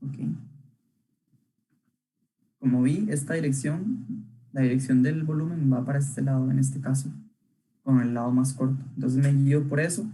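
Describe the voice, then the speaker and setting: Relaxed man teaching drawing, husky and mellow. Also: medium pitch, normal speed, long pauses, rough recording. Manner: casual, thinking aloud, many tag questions and fillers. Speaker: illustration workshop teacher. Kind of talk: live online drawing lesson.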